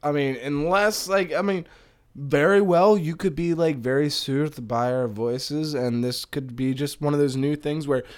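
A man's voice: fairly high pitch, a little slow. A man co-hosting a podcast in casual chat, rambling through crude riffs with many fillers. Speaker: podcast co-host.

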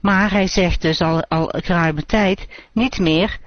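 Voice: mid-range voice, slow pace, no echo, muffled recording. A co-host in casual chat, asking questions hesitantly with many fillers.

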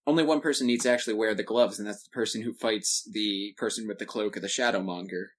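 A man's voice: fairly low pitch, fast. A man in casual chat, adding short, dry comments.

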